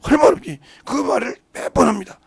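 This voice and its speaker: A middle-aged male pastor preaching a sermon, dropping to whispered prayers and rising to shouts. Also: extremely high pitch, sing-song, brisk, gravelly, breathy edge, no echo. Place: church sanctuary.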